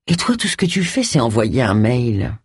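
An audiobook narrator voicing a calm, blunt male colleague in a lowered voice. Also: husky, no echo, studio quality. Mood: reproachful. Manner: low, measured, blunt.

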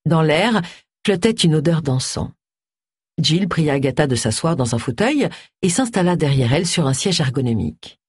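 An audiobook narrator reading a novel in an expressive, measured way. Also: mid-range voice, slightly rough, no room sound, studio quality. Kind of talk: scripted narration.

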